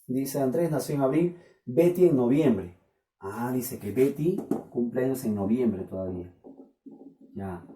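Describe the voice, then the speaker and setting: A man's voice: mid-range voice, mellow. A man with a Peruvian Spanish accent, teaching a math class and keeping on asking the students whether they follow. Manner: questioning, keeps checking with students. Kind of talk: classroom lecture. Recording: echoey room, voice from a distance.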